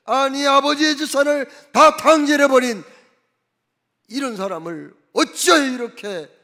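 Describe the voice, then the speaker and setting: A man's voice: very high-pitched, measured pace, voice pushed up, exaggerated voice. Indignant elder son, man playing, accusing, raised voice, echoing church hall. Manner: loud, accusing, protesting. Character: indignant elder son confronting his father.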